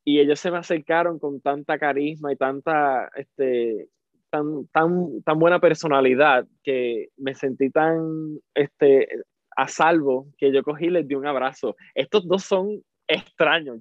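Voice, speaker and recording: A man with a Puerto Rican accent, a podcast guest telling a personal story in a casual, animated way and repeating words for emphasis. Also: on the high side, a little slow, no room sound. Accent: Puerto Rican Spanish. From Puerto Rico. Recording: dry, phone-like narrow sound.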